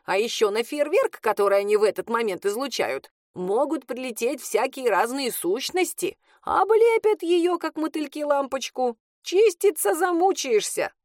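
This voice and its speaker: A woman reading aloud, voicing a brash old village witch who teases, cackles and shouts. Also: high-pitched, big pitch swings, moderate pace, hardly any pauses, no echo, clean studio sound, pitched above the performer's own voice. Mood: boisterous teasing. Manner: boisterous, teasing, laughing.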